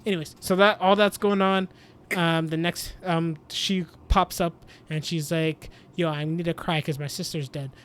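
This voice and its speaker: A young male podcast host talks in a loose, casual way, piling on "like" and "basically" as he rambles through a recap. His voice sits a little high, and faint noise runs behind him. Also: steady tone, normal speed, few pauses, a bit bright. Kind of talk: casual chat.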